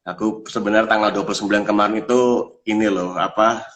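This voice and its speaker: A man's voice: lowish voice, little pitch movement, fast, fairly bright tone. A man hosting a casual, chatty interview. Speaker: interviewer, host.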